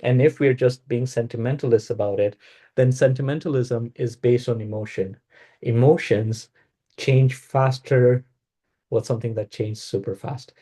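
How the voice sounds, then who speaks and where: A man with a warm, dark tone leads a casual spiritual discussion. He pauses and restarts often, working his way through each point with fillers. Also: mid-range voice, fairly even intonation, husky. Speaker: discussion presenter.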